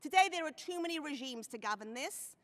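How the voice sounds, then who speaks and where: A woman giving formal testimony at a hearing, stressing key phrases by slowing down. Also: high-pitched, animated, a bit bright. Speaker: hearing witness. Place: large hearing room. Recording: long reverb of a hearing room.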